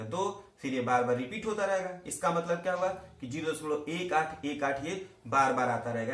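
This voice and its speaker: A man's voice: a little high, fairly bright tone. A man from India teaching a math lesson, asking questions and answering them himself, talking straight to his students. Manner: addresses students directly, repeats key terms. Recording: echoey room.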